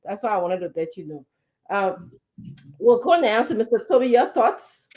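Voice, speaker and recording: A woman's voice: medium pitch, big pitch swings, moderate pace, phone-quality sound. A woman giving impassioned political commentary on a talk show, emphatic and indignant, with repeated words and pointed rhetorical questions. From Liberia.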